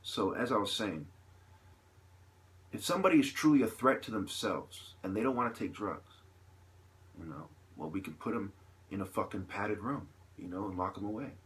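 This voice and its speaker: A vlogger with a fairly low, slightly bright voice delivers an animated, impassioned opinion monologue to his viewers off the cuff. He drives his points home with emphatic repetition and rhetorical questions, often pausing between phrases.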